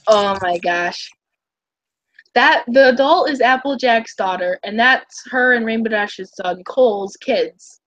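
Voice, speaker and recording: A young woman chatting casually on a live stream about her artwork, giggly and full of quick asides. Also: fairly high pitch, fairly bright tone, no room sound. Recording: muffled lo-fi mic.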